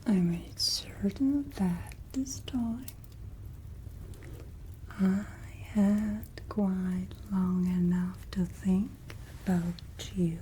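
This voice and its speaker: A woman playing a menacing, aristocratic vampire lady in a whispered ASMR roleplay, haughty, breathy and softly threatening. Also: medium pitch, fairly even intonation, extremely slow, a little hiss or hum, low-quality recording. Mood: cold menace. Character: menacing aristocratic vampire lady, vengeful captor, cold and imperious.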